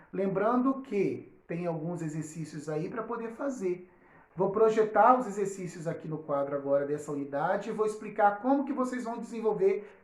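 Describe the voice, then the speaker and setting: A woman teacher gives a lesson to children, saying example words slowly and checking often that they understand. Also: lowish voice. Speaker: primary school teacher. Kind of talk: recorded online lesson. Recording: roomy, echoey recording.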